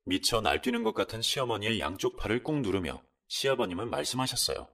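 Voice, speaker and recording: Male narrator of a radio drama story, lively expressive delivery, a bit far from the mic. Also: mid-range voice, quick pace, vocal fry. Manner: expressive storytelling in first person of a wife. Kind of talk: scripted narration of a listener's story.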